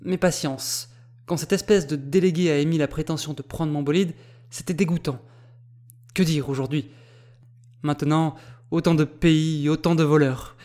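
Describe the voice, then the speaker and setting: Storybook: a man reading a sour eccentric inventor, muttering complaints, slightly high voice. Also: fairly even intonation, normal speed, a little mellow, natural voice. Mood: disgusted grumbling. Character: grumbling eccentric male inventor, disgusted.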